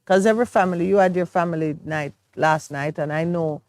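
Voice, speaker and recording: A woman's voice: on the low side, fairly quick, darkish tone. Earnest woman talk-show host. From Jamaica. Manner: earnest, reflective, explaining at length. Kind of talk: studio talk show discussion.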